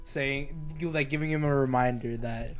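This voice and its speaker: Easygoing young guy hosting a friends' podcast, mid-pitched, faint music under. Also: fairly even intonation, unhurried. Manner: laid-back, chewing gum, stumbles on words. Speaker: podcast host. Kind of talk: casual chat.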